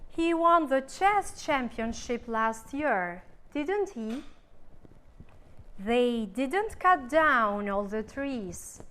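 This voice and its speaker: A woman with an Albanian accent teaches a recorded English grammar lesson. Her voice sits high and she takes her time, giving each rule and example sentence slowly and deliberately. She explains in a calm, measured way.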